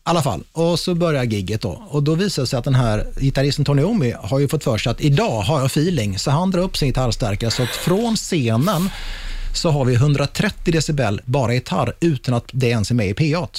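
A man's voice: medium pitch, animated, a little mellow. A man talking casually about his work running a festival, telling anecdotes with acted-out quotes. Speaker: festival production manager. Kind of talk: casual storytelling in a podcast chat.

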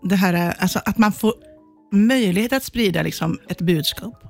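A woman's voice: medium pitch, darkish tone, soft background music. A woman in her forties, a guest singer on a chat show, playful and teasing. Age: 40s. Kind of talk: casual chat.

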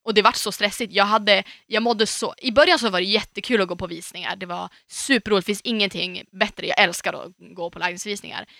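A woman from Umeå, co-hosting a podcast in casual chat, telling stories lively and acting out quotes. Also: medium pitch, gravelly, hardly any pauses, no room sound, studio quality. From Umeå, Sweden. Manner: lively storytelling, acts out quotes, swears casually.

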